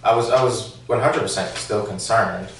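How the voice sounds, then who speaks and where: A man's voice: lowish voice, normal speed. A man, a former police officer, answering questions at a formal hearing, hesitant, with many fillers and restarts. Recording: echoey room, distant mic, faint noise.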